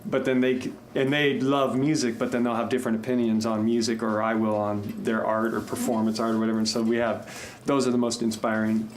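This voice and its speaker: A man's voice: medium pitch, brisk, hardly any pauses, slight background noise. Rambling man telling band stories. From Tacoma and Spokane, Washington. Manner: rambling, animated storyteller with restarts. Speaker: musician guest. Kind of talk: casual interview chat.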